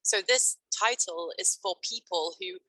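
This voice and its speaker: A woman with a bright, forward voice talks informally on an online panel. The sound is dry and close, and she is tentative and reflective as she goes. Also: medium pitch, a little slow, husky, no room sound, low-quality recording.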